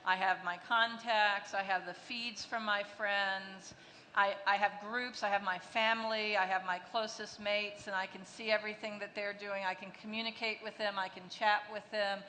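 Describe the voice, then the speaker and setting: Bright-voiced woman on a conference stage. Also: medium pitch, level tone, moderate pace. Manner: fluent, with frequent restarts and fillers. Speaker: company executive on a panel. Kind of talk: conference panel answers. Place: large conference hall. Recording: long hall reverb, faint noise.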